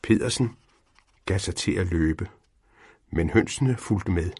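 A man reading a storybook aloud in a lively, expressive narrating manner. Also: low voice, breathy edge.

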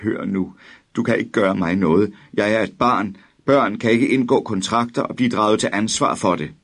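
A man's voice: lowish voice, voice pushed up. A man voicing a terrified young boy who stammers, pleads and cries out for help. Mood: pleading.

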